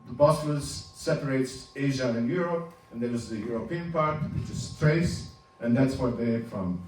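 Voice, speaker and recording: Presenting slides informally, this Turkish-born Ladino speaker in his seventies stops and starts with little chuckles. His mid-range voice is slightly mellow, captured from a distance in a roomy space with a low hum.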